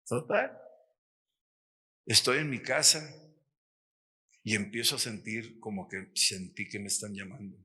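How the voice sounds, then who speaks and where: A middle-aged Mexican man giving a lively testimony sermon at a missions workshop, acting out the dialogue as he tells the story. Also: lowish voice, unhurried, long pauses, husky. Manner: animated storytelling, acts out dialogue.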